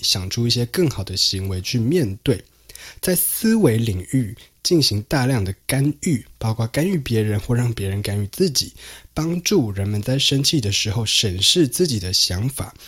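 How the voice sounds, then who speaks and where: A man's voice: medium pitch, fairly bright tone, breathy edge. A man hosting a solo podcast, explaining and summarizing research in a conversational way, with frequent fillers and some English terms mixed in. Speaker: podcast host.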